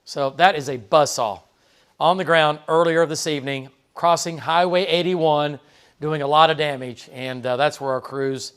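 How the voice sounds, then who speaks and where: A TV meteorologist goes live on a tornado from the weather studio, his voice a bit bright, clear and resonant, and slightly higher than the average man's. He walks through the radar casually, dropping fillers and quick "okay?" checks.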